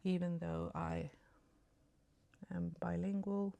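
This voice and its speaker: Speaking slowly and in a level tone, a Swedish woman who has just woken up walks through a makeup tutorial as a beauty vlogger. Her lowish voice is creaky, her British English slightly Swedish-accented; she's chatty and apologetic, murmuring softly as she applies makeup.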